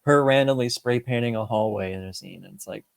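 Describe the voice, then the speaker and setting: A man's voice: mid-range voice, fairly quick, vocal fry, clean tone, dry recording. A man co-hosting a film podcast, chatting casually and bluntly, swearing freely and now and then mimicking characters. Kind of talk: casual film review chat.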